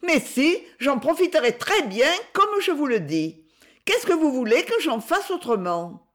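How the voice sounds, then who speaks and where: An eager, cheerful young schoolboy, put on by a woman reading an audiobook, speaks in a high, bouncing voice. His lines swing up and down with earnest excitement. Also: unhurried. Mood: protesting. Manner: bright, pleading, enthusiastic.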